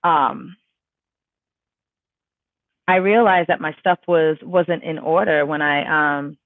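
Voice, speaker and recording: A woman vocal coach hosts a casual livestream Q&A, reading out viewers' questions and answering in a chatty, emphatic style packed with fillers. Her voice is low and slow. The dry recording sounds tinny, like a phone.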